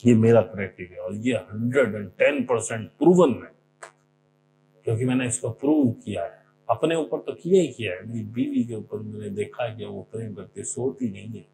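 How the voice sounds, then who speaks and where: Man, spiritual speaker, gravelly voice; conversational discourse that draws on his own life, with a hum and noise under it. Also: on the low side, moderate pace. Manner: often mimics what others said. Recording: noisy recording with a steady hum.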